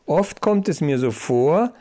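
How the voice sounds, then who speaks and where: A man's voice: fairly high pitch, animated, slow, dark tone, pitched above the performer's own voice. A man voicing a clever, thoughtful female mouse who reads and tells stories.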